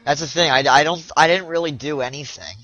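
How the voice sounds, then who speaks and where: Young male streamer, bright voice, stop-start casual chat, muffled lo-fi stream audio. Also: a little high, no echo. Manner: chatty, halting, frequent restarts and repeats. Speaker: speedrunner streaming live.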